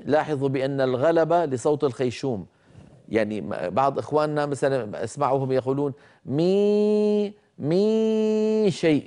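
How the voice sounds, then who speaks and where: A man teaching Quran recitation rules, explaining carefully and demonstrating sounds slowly, sometimes scolding common mistakes. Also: a little high, dark tone. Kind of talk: tajweed lesson with spoken demonstrations.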